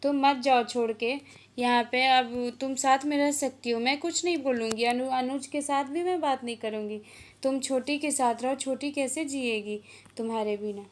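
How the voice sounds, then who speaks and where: A woman voicing a gentle, forgiving grown woman who speaks soothingly and reassures. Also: high-pitched, normal speed, close to an everyday voice.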